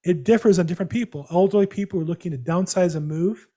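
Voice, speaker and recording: A man's voice: high voice, fast talker, dark tone. A man hosting a live real estate seminar over a video call, chatty and rambling with many fillers. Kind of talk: live webinar presentation.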